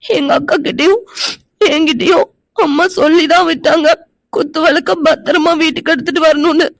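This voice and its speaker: A woman plays a feisty young cartoon woman with a very high voice who accuses and argues sharply and can break into tears. The sound is dry and close. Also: fairly even intonation, moderate pace, vocal fry, dry recording. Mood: tearful. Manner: accusing and tearful.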